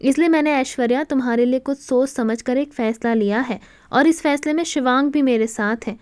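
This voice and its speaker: A woman's voice: high-pitched, a little fast, darkish tone, clean tone, dry recording, studio quality, lightly acted. A woman voicing a bold, direct young wife who confronts her family with pointed questions. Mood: determined.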